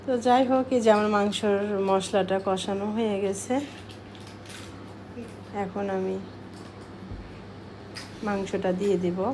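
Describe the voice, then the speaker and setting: A middle-aged woman, slowly talking through her cooking, a little short of breath from a cold. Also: mid-range voice, flat delivery, background noise. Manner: slow, soft-spoken explaining. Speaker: cooking vlogger. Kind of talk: casual cooking voice-over.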